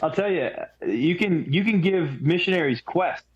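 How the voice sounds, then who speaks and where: A man's voice: on the high side, expressive, moderate pace, husky, lo-fi sound. A man co-hosting a podcast, chatting casually with friends in a laid-back, joking way. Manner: laid-back, jokey storytelling. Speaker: podcast co-host. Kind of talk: casual chat among friends.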